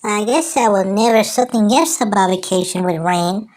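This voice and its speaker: An amateur performer voicing a cocky, excitable cartoon woodpecker who rambles and exclaims to himself. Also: mid-range voice, moderate pace, natural voice. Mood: scheming, upbeat. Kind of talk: amateur cartoon character impression.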